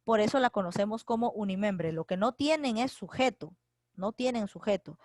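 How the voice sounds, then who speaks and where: A woman teaching an online grammar class to young students. She explains patiently, repeats key points and checks in with tag questions, and slows down to spell out example sentences. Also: mid-range voice, lively intonation, darkish tone, dry recording. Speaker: secondary school teacher. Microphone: computer mic for a virtual class.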